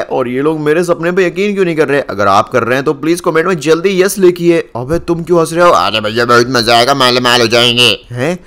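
A man's voice: fairly high pitch, fairly bright tone. A man narrating a game video as a channel host, chatting to his viewers. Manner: chatty, addresses viewers as guys.

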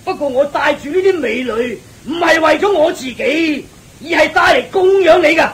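In a Cantonese radio drama, a male actor with a very high, animated voice plays a sly, cowardly demon king pretending to be a god. He speaks at normal speed in a fawning, wheedling, whining manner, and the recording quality is low.

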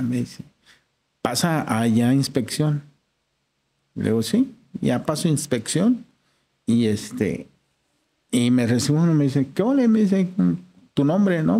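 A man's voice: mid-range voice, creaky, dark tone, breathy edge. A man with a Mexican accent, a podcast guest telling a long personal story in casual slang and acting out the dialogue. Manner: slangy, acts out quoted dialogue.

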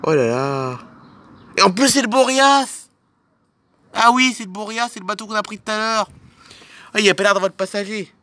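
A man's voice: high-pitched, animated, normal speed, pauses often, sharp tone. A man narrating a playful toy film as a dad, pointing things out to the kids with enthusiasm.

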